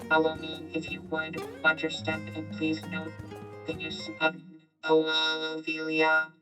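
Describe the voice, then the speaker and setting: A deep, dead-level robot guard drones out formal notices in a monotone, as a woman puts it on. The voice sits far below a normal woman's speaking pitch and never rises or falls. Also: slow, music in the background. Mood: flat, formal. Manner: flat, low, droning robot voice. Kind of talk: voicing game dialogue aloud.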